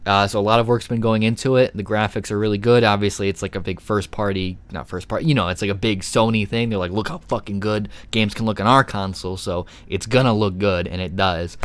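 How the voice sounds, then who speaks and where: A man's voice: lowish voice, a little fast, few pauses. Rambling young man, solo podcast. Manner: rambling, excitable, swears often, many fillers. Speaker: podcast host. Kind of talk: solo live podcast chat.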